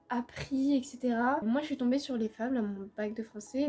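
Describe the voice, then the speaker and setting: A teenage girl with a fairly high, mellow voice chats through a makeup routine, wandering from topic to topic with plenty of fillers and restarts. She sounds relaxed and unpolished, talking straight into a phone camera at home. Soft music plays faintly underneath. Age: teens. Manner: chatty, many fillers and repeated words. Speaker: beauty vlogger. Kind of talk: casual chat while doing makeup.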